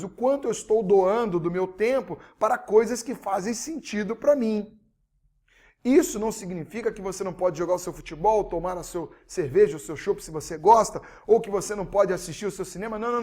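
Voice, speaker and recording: A man giving a motivational webinar talk as a behavioral coach, energetic and speaking straight to his audience. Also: high voice. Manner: energetic, addresses audience directly, swings between soft and loud.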